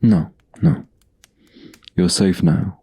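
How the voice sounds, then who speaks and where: There's no echo as a man, hamming it up, portrays a gentle huntsman protector in an intimate, soft-spoken ASMR fantasy roleplay. His low, gravelly voice is breathy, his archaic phrasing slow and soothing, and the tone calm and reassuring.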